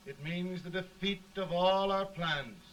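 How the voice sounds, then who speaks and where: An actor playing a weary, solemn wartime president who speaks in a grave, measured way, heard through early talkie film sound. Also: male voice, sits high, fairly bright tone, distant mic, lo-fi sound, a little hiss or hum. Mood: dismayed.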